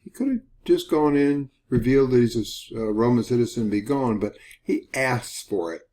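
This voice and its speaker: A man teaching a Bible study in an earnest, measured way, retelling a scripture story and reading passages aloud. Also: mid-range voice, animated, mellow.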